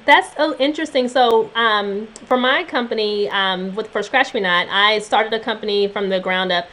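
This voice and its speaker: A woman's voice: medium pitch, normal speed, fairly bright tone. A woman in her thirties hosting an interview, encouraging and reacting often. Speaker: interview host. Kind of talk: casual interview chat.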